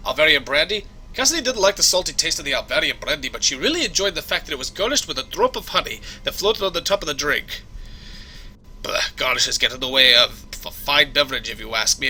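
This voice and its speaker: A man's voice: fairly high pitch, pushed and bright, exaggerated voice, low-quality recording. A man voicing a hearty male Scottish starship engineer who loves his whisky, in a put-on Scottish accent. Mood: grumbling. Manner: hearty, blustery, rolling brogue.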